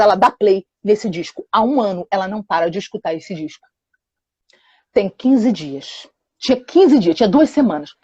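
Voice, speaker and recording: A woman preaches and tells a testimony, her husky voice riding high and swinging widely in pitch. She moves between loud outbursts and hushed passages as she acts out the story. The sound is dry and close, with no room around her. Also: dry recording.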